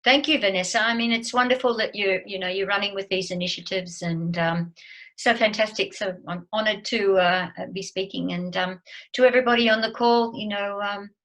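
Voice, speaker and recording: A woman's voice: medium pitch, fairly even intonation, fairly quick, fairly bright tone, poor audio. A woman in her seventies chats as a guest over a video call. She talks hesitantly, with many fillers and false starts. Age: 70s. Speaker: guest speaker. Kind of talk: casual chat on a video call.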